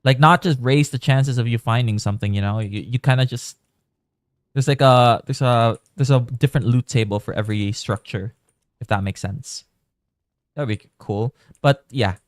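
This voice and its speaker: A man's voice: medium pitch, moderate pace, dry recording, clean studio sound. A man from the Philippines giving casual, rambling commentary while live-streaming a game. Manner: chatty, rambling, thinking aloud.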